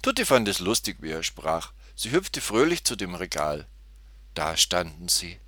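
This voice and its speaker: A man narrating a children's story in an expressive, animated way, recorded close on the mic. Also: low-pitched, measured pace, no room sound. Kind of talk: storybook reading.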